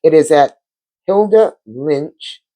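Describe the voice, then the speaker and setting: Settled on her couch, a woman runs a relaxed spiritual vlog, heartfelt and leaning on repetition for emphasis. She speaks slowly in a deep, mellow voice with lively intonation.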